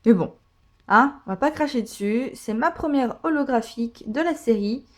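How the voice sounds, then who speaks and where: Her voice is fairly high, and she speaks at a moderate pace. This vlogger opens trading card packs while chatting casually, getting excited over the cards she pulls and using lots of fillers.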